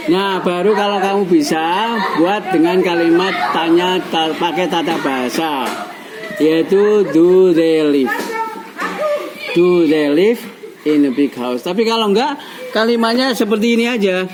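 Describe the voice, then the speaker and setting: A man's voice: high voice, normal speed, over music, poor audio. A man with an Indonesian accent teaching an English class, patiently repeating and coaxing his students. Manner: patient, repetitive, coaxing explanations.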